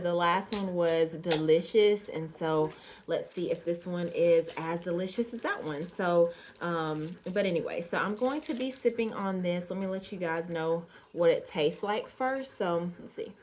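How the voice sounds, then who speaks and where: A woman from Georgia talks casually to her viewers, filling pauses with ums and soft laughs. Her voice sits a little low for a woman. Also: slight background noise. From Georgia, USA. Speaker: doll artist vlogger. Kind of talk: casual chat to camera.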